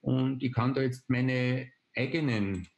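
A man, explaining a software tool step by step on a video call, with frequent hesitation fillers. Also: medium pitch, takes it slowly, vocal fry. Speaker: presenter. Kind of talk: online webinar demonstration. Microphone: video call webcam.

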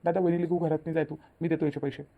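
A man's voice: fairly high pitch, level tone, very fast, phone-quality sound, natural voice. A man voicing a protective, agitated younger brother and husband.

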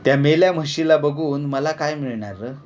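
Brief: narrator as pleading rural cobbler, hesitant, stammering. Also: male voice, fairly high pitch, moderate pace, darkish tone, a little hiss or hum, lightly acted. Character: anxious village cobbler, male, pleading.

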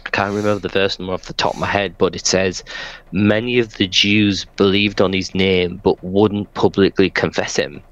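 Low-pitched middle-aged man, chatting. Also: fairly even intonation, moderate pace, highs cut off. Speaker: street evangelist being interviewed. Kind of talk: casual conversational storytelling. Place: small room at home, video call. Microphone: headset microphone.

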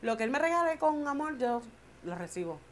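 A woman's voice: high-pitched, very animated, a little fast, a little hiss or hum. A woman chatting casually to camera in a tag video, playful and joking, turning tender and sentimental. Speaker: beauty vlogger.

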